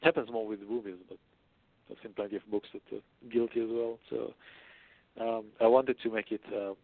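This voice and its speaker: Gravelly man on a phone-like line. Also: lowish voice, steady tone, dry recording. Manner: thoughtful, explanatory, pauses often. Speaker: guest author. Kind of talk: casual interview.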